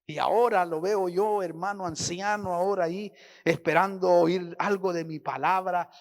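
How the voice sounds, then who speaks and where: A man's voice: high voice, steady tone, moderate pace. A middle-aged man preaching a sermon, telling personal stories with emotional, emphatic delivery that swells in intensity. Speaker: pastor.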